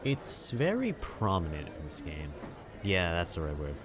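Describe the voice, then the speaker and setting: This man's voice sits low but swings hugely in pitch as he rambles unhurriedly about video games, slangy and laid-back like an off-the-cuff amateur host. Music plays along with outdoor city ambience behind him.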